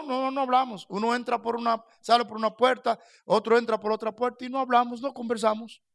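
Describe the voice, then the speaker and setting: High, bright-voiced male preacher. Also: creaky. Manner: impassioned preaching, addresses listeners as brothers; swings between soft low asides and loud raised exhortations. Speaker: pastor. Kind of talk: sermon.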